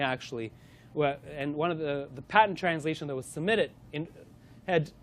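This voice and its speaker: This man's voice is on the high side as he runs a corporate lunch-and-learn before a live audience. Playful quiz questions mix with frequent fillers and restarted sentences.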